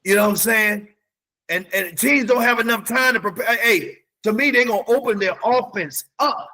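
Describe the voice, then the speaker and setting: Man, sports podcast co-host, bright and fairly high voice, animated, slangy, stat-heavy banter. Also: normal speed. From United States. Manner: animated, slangy, rattles off stats. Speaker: teacher. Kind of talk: casual sports chat.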